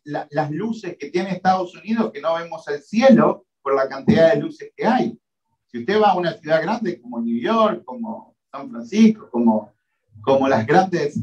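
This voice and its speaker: A man with a Rioplatense Spanish accent preaches in a high, swooping voice that climbs and falls across his phrases. He presses his points with dramatic pauses and frequent amens. The sound is distant and dull, like a lo-fi church recording from across the room. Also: darkish tone. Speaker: pastor. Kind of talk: sermon.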